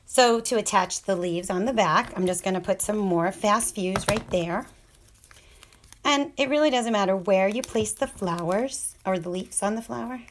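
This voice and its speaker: In this relaxed craft tutorial, a woman shows how to do paper crafts, talking at normal speed in a mid-range, scratchy voice. She apologizes often, stays chatty, and frequently mutters half to herself as she goes.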